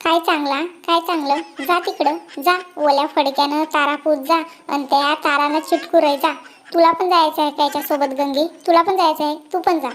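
Someone voicing a squeaky, furious cartoon cat husband. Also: steady tone. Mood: scolding. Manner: shouting, rapid scolding. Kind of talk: comic cartoon dialogue.

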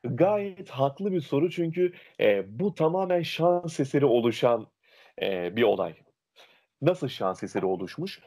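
A young adult man, a diction instructor, explaining dialects and speech in an interview with lively, illustrative examples. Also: medium pitch, measured pace.

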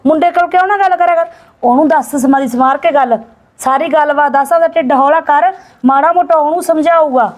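A blunt, bossy young village woman, played by a woman in a homemade family drama. She talks quickly in a high voice, scolding and insistent. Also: natural voice.

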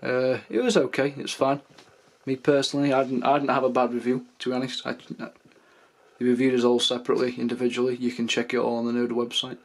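A young man from England, speaking, rambles casually into his camera at home. He tells stories in a loose, chatty way with a mid-pitched voice. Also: completely flat delivery, fast talker. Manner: chatty, rambling, acts out drunk anecdotes in raised voices. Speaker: vlogger. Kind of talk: casual vlog rant. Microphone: camera mic.

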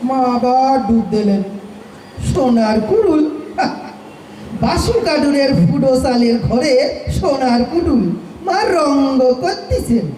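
In an amateur radio play, a performer with a high, warm voice, lively intonation, and slow delivery plays a fretful, henpecked poor woodcutter who speaks rustically and laments often. The room is echoey with faint noise.

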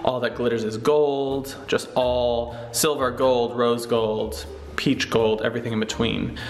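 A young male vlogger decorates his large, bright living room, chatting in a campy, animated way at a measured pace and medium pitch. He films himself with the camera at arm's length, and the room sounds spacious with music behind.

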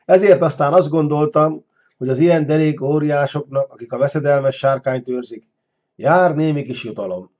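A man voicing a scheming, flattering deposed king who wheedles and bargains, on a dull lo-fi recording. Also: on the high side, close to an everyday voice. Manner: wheedling, sly.

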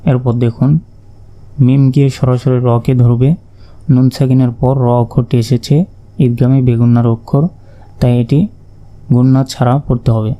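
A man teaching Quran reading in a step-by-step lesson, slowly spelling out letters and vowel marks one by one. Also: medium pitch, little pitch movement, dark tone.

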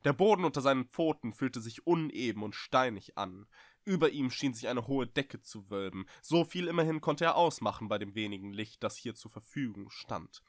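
A man reading a fantasy story aloud, expressive and vivid, with a dry close studio sound. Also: medium pitch, normal speed, no room sound. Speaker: audiobook reader.

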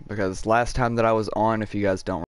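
Hoarse young male streamer, slightly low voice, excitable and swearing a lot. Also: fairly quick, no echo. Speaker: game streamer. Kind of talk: casual live gameplay commentary.

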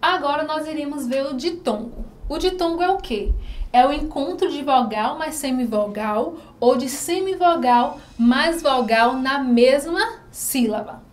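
A woman's voice: high-pitched, measured pace. A woman teacher with a Brazilian Portuguese accent, giving a recorded lesson to children, patiently repeating syllables and asking questions.

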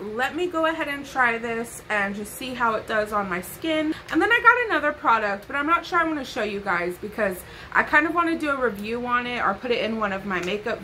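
Young woman vlogger, sassy and chatty; bright, pushed tone, faint room hiss. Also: medium pitch, rough recording. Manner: sassy, playful asides, chatty. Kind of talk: casual haul chat to camera. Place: bedroom.

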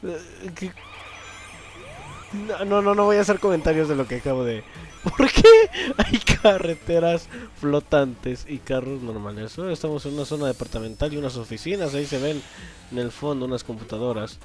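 A young man, commentating a video game as he plays, swearing loudly and laughing often at what happens on screen. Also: fairly high pitch, animated, moderate pace, faint music behind. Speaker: gameplay commentator. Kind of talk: let's play commentary.

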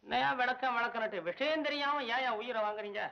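In a 1960s film, an actor plays a poor, anxious male poet, speaking a little fast in a gravelly voice. He is whiny, frantic, and cheeky, jumping between high and low, and the old film soundtrack sounds dull.

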